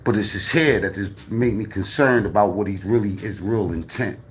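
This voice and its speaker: A reaction streamer with a lowish voice speaks at normal speed, joking casually and profanely about a video and often repeating himself. The recording has a roomy echo and faint noise.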